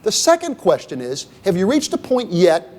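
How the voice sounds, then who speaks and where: Pitch swooping wildly, a middle-aged man with a high, slightly mellow voice lectures on leadership at a moderate pace in a large university hall. He talks conversationally, often asks "okay?" and "right?", and poses rhetorical questions to the audience.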